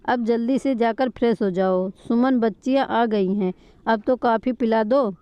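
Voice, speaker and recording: A woman's voice: fairly high pitch, normal speed, clear, resonant tone, dry recording, close to an everyday voice. A woman reading the part of a kind, joking middle-aged father in a family story. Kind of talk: storytelling read-aloud. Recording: dull lo-fi recording.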